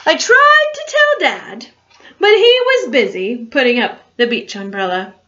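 A woman reading a picture book aloud to children in an animated way, with asides and questions for her young listeners, on a dull lo-fi recording. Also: high voice, a little slow, a little hiss or hum. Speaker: storytime reader.

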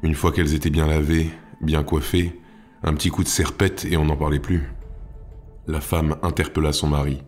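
A man narrating a fantasy thriller audiobook in a measured, dramatic way. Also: very deep voice, level tone, a little mellow, soft background music.

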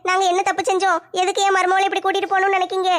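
A woman's voice: extremely high pitch, monotone, rapid-fire, fairly bright tone. A woman playing a doting, tearful mother-in-law in a comedy skit, fretting and pleading with a southern Tamil Nadu accent. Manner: fretful, pleading.

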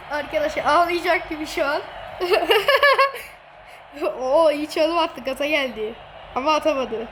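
A woman with a very high, piping voice gives excited running commentary over a football video game. She teases and gloats at her opponent and laughs a lot. The recording is noisy, with game sound behind her. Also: slow pace, pauses often. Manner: teasing, gloating, laughing often. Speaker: gamer streamer.

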